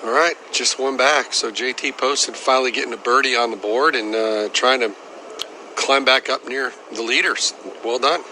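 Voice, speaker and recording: A man's voice: medium pitch, normal speed, pushed and bright, slight background noise, poor audio. A man giving conversational golf commentary as an analyst, reacting to play and adding statistics.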